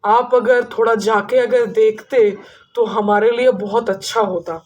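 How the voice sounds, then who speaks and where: A woman's voice: on the high side, fairly even intonation, measured pace, a little mellow, recorded from a distance, close to an everyday voice. A woman voicing a worried Brahmin husband who respectfully pleads for help.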